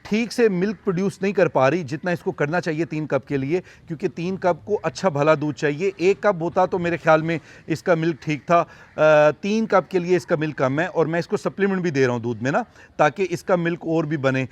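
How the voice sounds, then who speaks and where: A man's voice: on the high side, brisk. A man giving casual, rambling vlog commentary outdoors at an animal farm. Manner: chatty, rambling, with many fillers. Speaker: vlogger and animal farm keeper.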